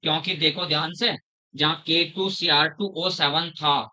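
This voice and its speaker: A middle-aged man teaching a chemistry class, slowly repeating terms, quizzing his students and calling them "beta". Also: on the high side, fairly even intonation, bright, forceful tone, low-quality recording. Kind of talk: classroom lecture.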